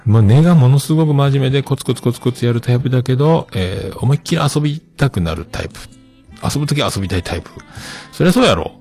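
A man's voice: medium pitch, animated, fast talker, a little mellow, soft background music. A man hosting a show, chatting casually on his own in a rambling, self-joking way. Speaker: host. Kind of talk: casual solo chat.

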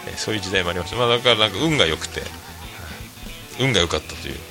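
Bright-voiced man rambling. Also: deep voice, rapid-fire, soft background music. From Fukuoka, Japan. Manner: rambling storytelling, many fillers, animated quoting. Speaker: host, restaurant owner. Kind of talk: casual solo talk stream.

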